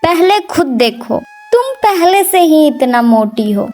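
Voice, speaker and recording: A woman's voice: sits high, very animated, slow pace, a little mellow, voice pushed up, full character voice. A woman voicing a clever, fussy male donkey in a cartoon story, anxious and grumbling. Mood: grumpy.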